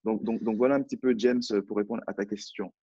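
Low, dark-voiced French man, husky. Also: fairly even intonation, fast talker, no room sound, highs cut off. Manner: hesitant, many fillers and restarts. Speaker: personal development coach. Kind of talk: casual live discussion.

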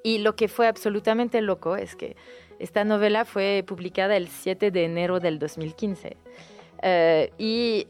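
With faint music behind her, a woman guest recommends a novel during a relaxed interview, her French accent marking her as a native speaker. She sounds a little mellow, with medium pitch, a steady tone, and a measured pace. Her delivery is halting, full of fillers and false starts.

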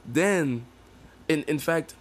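A man co-hosting a faith podcast, explaining in a relaxed way and often chiming in with agreement. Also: fairly high pitch, slow pace, a little hiss or hum. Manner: affirming, chimes in with agreement. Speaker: podcast co-host.

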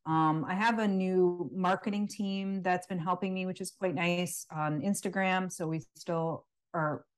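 A natural health practitioner guesting on a casual podcast speaks with a lowish voice, steady tone, and measured pace. In this conversational interview she's sarcastic and wry, laughing between comments.

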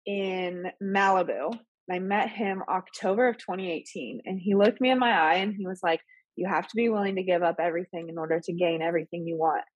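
The recording is dull with no echo, capturing a woman in her thirties who sounds slightly sick and nasal as a podcast guest. Her voice is lowish and fairly even in intonation, and she talks a little fast. She rambles chattily through the casual interview with many fillers and laughs.

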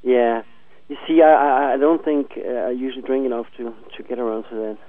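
A man's voice: medium pitch, steady tone, brisk, no echo. Hesitant forty-year-old man on a tinny line. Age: 40s. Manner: hesitant, repeats words, laughs often. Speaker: podcast co-host. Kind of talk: casual chat.

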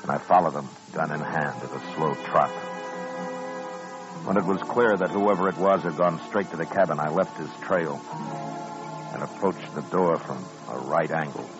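Marshal Matt Dillon, deep stern lawman. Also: normal speed. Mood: measured narrating. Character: stern, steady frontier marshal, terse and commanding. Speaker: lead character and narrator. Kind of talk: old-time radio western acting and narration. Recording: dull old radio recording with music.

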